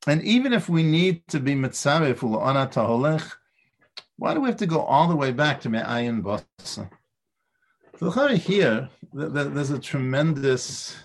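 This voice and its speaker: A man's voice: medium pitch, animated, normal speed. A man teaching a Torah class, with lots of stammered restarts and rhetorical questions. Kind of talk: lecture on Pirkei Avot.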